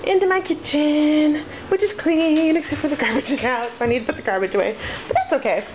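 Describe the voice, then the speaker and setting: A woman's voice: sits high, brisk. A woman in her twenties chatting casually as she walks a handheld camera through her home, rambling and poking fun at her own clutter. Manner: chatty, self-deprecating, rambling asides. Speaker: vlogger. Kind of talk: casual house tour vlog. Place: home, walking through rooms. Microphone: handheld camera mic. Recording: dull lo-fi camera audio with household noise.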